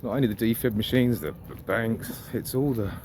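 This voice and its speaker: A man with a medium-pitched voice speaks at a moderate pace while walking outdoors through suburban riverside streets. He's a vlogger delivering a casual, rambling, musing monologue, opinionated and mildly sweary, with outdoor noise and ambience in the background.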